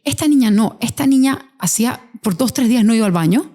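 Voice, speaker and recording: A woman hosting an interview, telling a family story in a lively, animated way. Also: on the high side, brisk. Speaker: host. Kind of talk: conversational interview.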